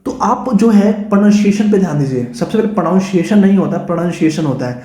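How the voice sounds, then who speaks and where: A man's voice: high-pitched, lively intonation, a little fast, warm tone, reverberant. A man with an Indian English accent teaching an online exam-prep lesson, chatty and coaxing, calling his students guys and dear children.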